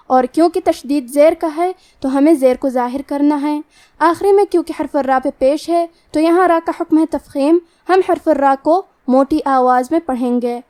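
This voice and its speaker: A woman teaching Quran recitation rules in a slow, careful, explanatory way, reciting verses between explanations. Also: high-pitched, dark tone. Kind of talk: tajweed lesson with recitation.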